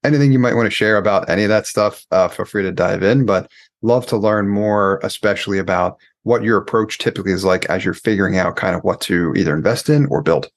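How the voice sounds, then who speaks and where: Low-voiced male podcast host. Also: fast. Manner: conversational, loosely phrased questions. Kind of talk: casual interview talk.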